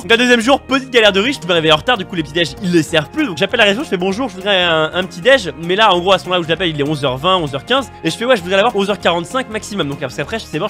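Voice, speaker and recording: A young man telling a story on his vlog, animated and slangy, acting out the people in it. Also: sits high. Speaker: vlogger.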